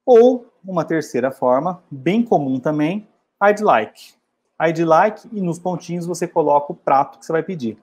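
A man from Brazil, teaching travel English in a casual way and repeating model phrases slowly. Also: a little high, slightly rough. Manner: slow, drilled model phrases in English between casual explanations.

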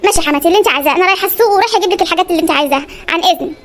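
A weary young Egyptian wife, voiced by an actor in a comic cartoon. She answers in a polite, patient, resigned way with an Egyptian Arabic accent, her voice very high and rapid. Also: fairly bright tone. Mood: dutiful.

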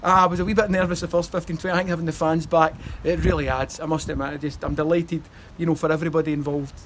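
Speaking fast with little pitch movement, a Scottish man in his thirties, a football manager, answers post-match questions outdoors by a stadium wall. His voice is on the high side and fairly bright, his talk rambling with fillers and restarts, with slight background noise.

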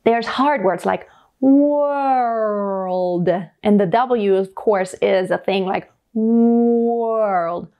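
A singing teacher in her thirties, with a slight German accent, delivers a lesson to camera from a home room with a piano, demonstrating sounds as she explains them. Her mid-range voice comes across extremely slowly and with animation, though the recording is muffled.

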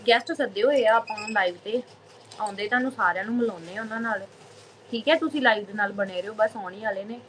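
A woman's voice: medium pitch, fast, a bit bright, slight background noise, poor audio. A woman hosting a casual live stream on a phone, chatting to viewers, greeting them by name and repeating phrases.

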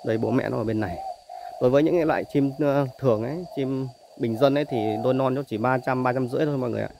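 A man who breeds doves gives a casual, chatty tour of his cages while filming on a phone, filling pauses with short tags. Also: mid-range voice, creaky. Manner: chatty, repeats "đấy" between points. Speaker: dove breeder selling birds. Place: bird aviary with cages. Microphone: phone held while filming. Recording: loud bird noise on phone audio. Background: doves cooing loudly.

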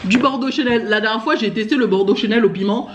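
A family vlogger chats casually in her living room at home, a fast-talking woman with a higher voice and slangy, informal phrasing. It's a relaxed haul vlog. The room echoes, and though background noise is clear, some clicks come through.

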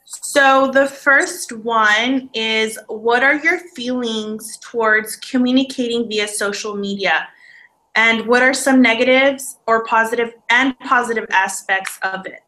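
A woman works through a list of interview questions in an orderly, friendly way. Her voice is fairly high and bright. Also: steady tone, a little slow, poor audio. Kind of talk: casual interview.

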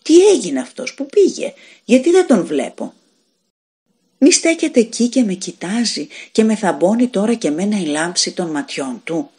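A woman's voice: mid-range voice, lively intonation, hardly any pauses, a little mellow, lightly acted. A woman reading a fairy tale aloud, voicing an innocent, curious little village girl who asks eager, wondering questions.

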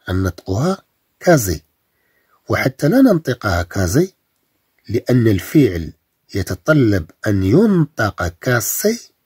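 A man from Morocco with a Moroccan Arabic accent teaching beginner French, saying the French examples slowly and drawn out, then explaining them in Arabic. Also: fairly low pitch, a little mellow, slightly rough, no room sound, studio quality. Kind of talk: bilingual French lesson for beginners.

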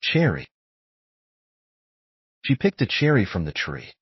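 Slow, deliberate male vocabulary reader. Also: fairly low pitch, huge pitch swings, husky, dry recording, dull audio. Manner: measured, deliberate enunciation. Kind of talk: slow scripted word-and-sentence reading.

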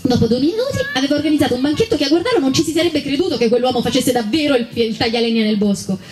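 A woman with an Italian accent reading a children's story aloud, gently and unhurried, with small slips. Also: high-pitched, expressive.

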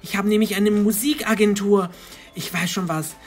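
A woman voicing a scheming music agency owner who plots in a low, sly voice. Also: fairly even intonation, normal speed, darkish tone, natural voice.

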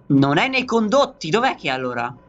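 An Italian man hosts a gaming channel, giving excitable let's play commentary and calling out to his viewers. His voice is high-pitched and fairly quick, and the audio is dull.

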